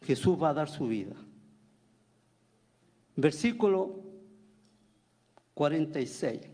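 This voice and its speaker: A man's voice: a little high, lively intonation, slow, darkish tone. A man preaching a sermon as pastor, firing rhetorical questions at the congregation. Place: church.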